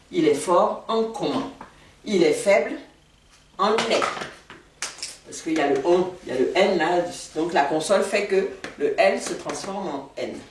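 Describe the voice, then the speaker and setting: Woman teacher, unhurried and patient, recorded far off in an echoey room. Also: lowish voice. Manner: patient, repeats words carefully for learners. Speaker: language teacher. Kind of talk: slow, deliberate language lesson. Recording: echoey room, far from mic, faint noise.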